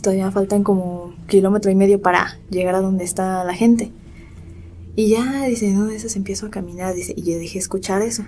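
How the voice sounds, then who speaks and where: A woman's voice: mid-range voice, fairly even intonation, fairly quick, dark tone, slight background noise. A young woman with a Mexican accent chatting on a podcast, animatedly retelling a creepy story in reported speech. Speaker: podcast co-host. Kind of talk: casual storytelling chat.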